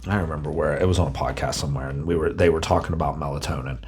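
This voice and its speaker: A laid-back man chatting on a podcast with a very low voice. He swears casually and rambles as he explains things, in plain easygoing talk. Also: steady tone, rapid-fire, darkish tone, slightly rough. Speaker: podcast co-host. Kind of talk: casual chat.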